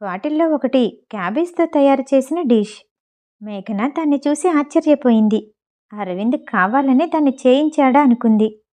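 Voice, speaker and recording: A woman narrating a serialized audio novel in a steady, unhurried reading voice. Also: high-pitched. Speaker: storyteller.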